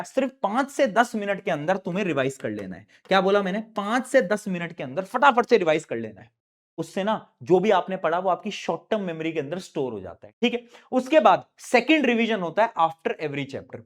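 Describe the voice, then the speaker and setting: A young adult Indian man, a teacher giving study advice to students in an energetic way. He poses questions as if the students asked them, then answers them himself. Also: high-pitched. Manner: animated, asks and answers his own questions.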